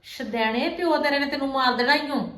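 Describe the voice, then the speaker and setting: Actress as high-voiced village mom, blunt and scolding, echoey room. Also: female voice, brisk, bright, forceful tone. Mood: stern. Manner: scolding, blunt, rhetorical questions. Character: stern village mother, scolding and worried.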